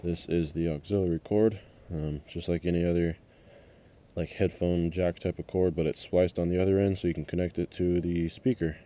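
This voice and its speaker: A man with a low, mellow voice speaks at a moderate pace with fairly even intonation. He's an amateur installer filming a casual, unscripted car tutorial on an action camera, explaining each hands-on step plainly. The footage is noisy and full of vehicle ambience.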